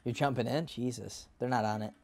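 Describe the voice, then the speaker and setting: A man streaming a team game, making relaxed, laid-back calls to a teammate and swearing casually. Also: mid-range voice, a little fast. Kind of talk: casual gameplay chat.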